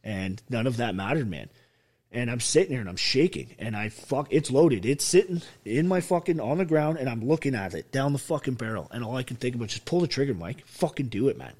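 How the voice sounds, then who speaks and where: A middle-aged army veteran, a podcast guest, telling a painful personal story bluntly, with constant swearing and raw emotion. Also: male voice, mid-range voice, expressive, brisk, darkish tone, slightly rough. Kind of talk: candid interview storytelling.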